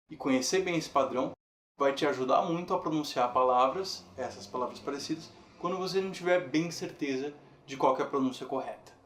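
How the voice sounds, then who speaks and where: A man teaching a video lesson in a patient, explanatory way, slowing down to model how words are said. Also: fairly high pitch, a bit bright. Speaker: English teacher. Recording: roomy echo.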